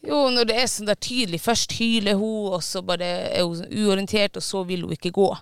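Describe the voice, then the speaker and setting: A man with a high voice chats casually, swearing now and then and stopping on fillers as he tells his story. His tone is clear and smooth but has a gravelly fry underneath. The sound is dry and close. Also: fairly even intonation, no echo. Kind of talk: casual chat.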